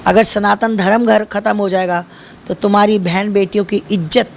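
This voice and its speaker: A woman's voice: medium pitch, fairly even intonation, moderate pace, creaky, a little hiss or hum. A woman giving an impassioned interview, speaking in a fiery, emphatic way with repeated slogans.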